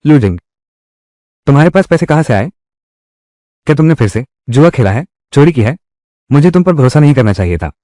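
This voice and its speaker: A man's voice: mid-range voice, very animated, brisk, pauses often, dark tone, dry recording, studio quality, lightly acted. A man dubbing a worried young wife who distrusts her husband and fires off anxious questions. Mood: suspicious. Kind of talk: Hindi dub of a drama.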